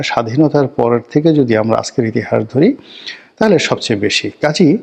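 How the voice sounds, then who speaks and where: A middle-aged man giving solo political commentary in a measured, emphatic way, stacking phrases into lists and pausing to stretch out key words. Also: mid-range voice, vocal fry, a little mellow, slightly rough. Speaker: political talk show commentator.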